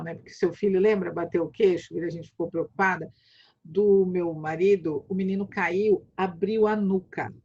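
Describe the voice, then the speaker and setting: A middle-aged woman with a Brazilian Portuguese accent, a law professor giving a playful, animated online lecture over a video call. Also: vocal fry, breathy edge, lo-fi sound. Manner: playful, animated, acts out quotes with big pitch jumps. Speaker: law school professor and mentor.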